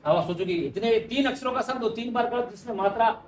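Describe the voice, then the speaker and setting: Male teacher, high voice, chatty board lesson, echoey room. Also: fast talker. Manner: conversational, repeats words while writing. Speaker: Hindi teacher. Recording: echoey room with faint ambient noise.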